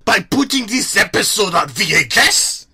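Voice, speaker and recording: A man voicing an angry male bear puppet comedian with a German accent, yelling jokes. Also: sits high, very animated, normal speed, husky, voice pushed up, full character voice.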